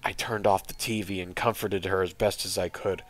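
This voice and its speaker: A man narrating a horror story in a flat reading voice, dropping in sarcastic asides. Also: sits low, normal speed. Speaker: creepypasta narrator. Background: faint background music.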